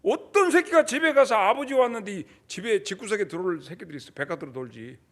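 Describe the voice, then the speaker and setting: A middle-aged man preaching a lively, folksy sermon as pastor, leading his congregation and acting out short everyday voices. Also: high-pitched. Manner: folksy, acts out quick voices of fathers and teachers, leads congregation responses.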